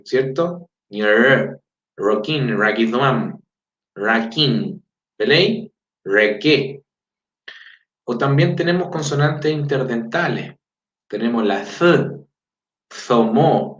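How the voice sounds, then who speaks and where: A Chilean man teaching his language in casual talk, checking in with listeners and reading out greetings. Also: fairly high pitch. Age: adult with a four-year-old daughter. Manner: conversational, fillers, frequent "¿ya?" checks. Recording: roomy, distant, dull lo-fi sound.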